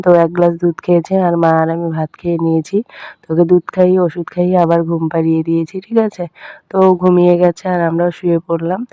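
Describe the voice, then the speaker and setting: Fast, flat-voiced young woman vlogger. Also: on the low side, dry recording, lo-fi sound. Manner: chatty, addresses viewers as friends, keeps tagging "all right". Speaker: daily-life vlogger. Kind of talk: casual home vlog voice-over. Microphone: voice-over recorded separately.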